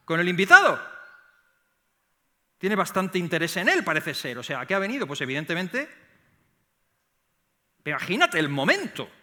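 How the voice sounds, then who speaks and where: A middle-aged man preaching with a Spain Spanish accent. His voice is very bright and sits fairly high for a man. He delivers the sermon in animated bursts, repeating words and building to emphatic peaks. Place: church sanctuary.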